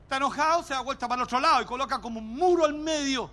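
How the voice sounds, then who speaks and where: Man, pastor, sermon, very high voice, bright tone, emphatic, shouting at times. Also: racing. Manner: emphatic, often shouting, acts out little scenes.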